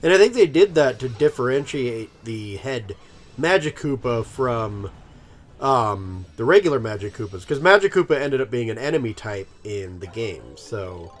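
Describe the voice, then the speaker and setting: A man's voice: mid-range voice, very animated, moderate pace. A man in his thirties giving rambling, casual let's-play commentary, full of ums and self-amused laughs. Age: 30s. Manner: rambling, filler-heavy, laughs at himself. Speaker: gaming channel host.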